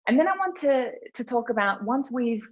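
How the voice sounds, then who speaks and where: Speaking at a moderate pace in a rather high, animated voice, an Australian woman tells stories full of fillers during a casual webinar presentation. The recording has that dull, lo-fi webinar quality.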